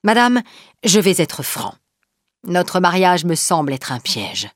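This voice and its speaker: A woman plays a wary, ironic king in a storybook reading. He probes and teases, frank about his enemies, in a low, dry voice. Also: very animated, slow, dry recording. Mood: earnest. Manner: ironic, probing. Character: French king, ironic, wary, proud adult man.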